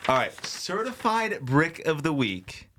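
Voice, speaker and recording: A man's voice: on the high side, sing-song, unhurried, a bit bright, slight background noise. A man co-hosting a podcast in casual chat, asking pointed, probing questions. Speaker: podcast co-host.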